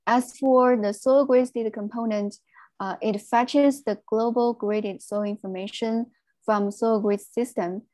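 A woman's voice: a little high, steady tone, warm tone, no echo. Woman giving a technical talk. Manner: measured, with frequent fillers. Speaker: presenter. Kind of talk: technical presentation.

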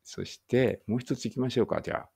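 A man's voice: medium pitch, fast talker, vocal fry, mellow, husky. A man giving a casual English lesson, chatty and thinking aloud with small chuckles. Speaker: English teacher.

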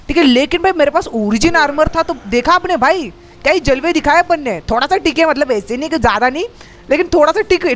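Hoarse, high-voiced slang gamer man. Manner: excitable, slangy, repeats himself. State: hoarse, strained throat. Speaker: gaming YouTuber host. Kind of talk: live gameplay commentary.

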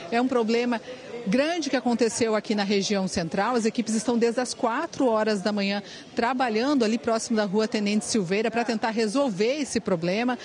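A woman's voice: a little high, darkish tone. Brazilian woman reporting live, chatty. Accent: Brazilian Portuguese. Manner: chatty, frequent tag questions. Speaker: field reporter. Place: indoor public market hall, large. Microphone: handheld microphone.

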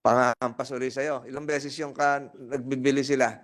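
Male hearing chair, mid-pitched voice, probing and repetitive questioning. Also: flat delivery, brisk. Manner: probing, repeats and rephrases his questions. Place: legislative hearing room.

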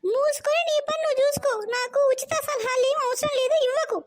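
A quarrelsome cartoon wife, voiced by a woman, who scolds in a shrill, squeaky Telangana Telugu voice. She fires off taunts at a brisk clip. Faint noise sits under the voice. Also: steady tone. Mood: nagging. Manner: scolding, nagging, rapid-fire taunts. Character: sharp-tongued young wife, quarrelsome and demanding. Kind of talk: cartoon comedy voice acting.

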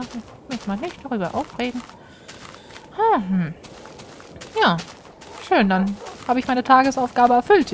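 A woman's voice: a little high, a little hiss or hum. A woman giving chatty, self-mocking commentary while playing a game and talking to her viewers. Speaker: let's player. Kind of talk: casual gameplay commentary.

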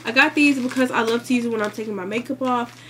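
A woman's voice: on the high side, quick pace. A young woman, slightly congested, chatting casually through a shopping haul vlog full of fillers. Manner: chatty, relaxed, filler-heavy. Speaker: vlogger.

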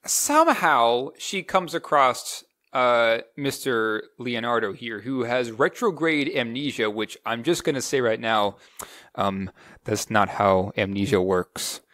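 Young guy in his 20s, mid pitch, excited and rambly, lots of restarts, casual chat. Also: slow. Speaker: movie reviewer.

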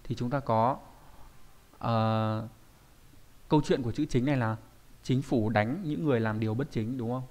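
A man at a medium pitch teaches an online kanji lesson. He explains each word patiently and keeps pausing to ask his listeners whether they follow. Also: a little mellow. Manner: explanatory, with frequent checking tags. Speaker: Japanese teacher.

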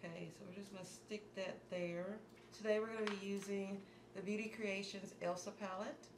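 In a small indoor room with a plain wall behind her, a woman in her thirties hosts a makeup tutorial as a beauty vlogger, speaking at normal speed in a mid-range voice. Her manner is calm and instructive, slightly hoarse like she's losing her voice, dropping toward a murmur as she works. Echo and background hiss fill the recording.

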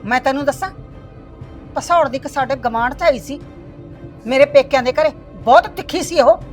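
A woman's voice: sits high, moderate pace, soft background music, lightly acted. A woman playing a stern, touchy older village mother who scolds her family for leaving her out. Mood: scolding. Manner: scolding, complaining, sharp-tongued. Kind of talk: village web-series acting.

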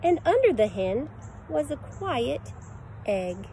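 Reading a picture book to children, a middle-aged preschool teacher uses a high, dark-toned voice with big pitch swings, going slowly and sing-song, occasionally making animal sounds. A phone camera at arm's length recorded her outdoors on a backyard deck. The audio is poor, with slight noise behind her.

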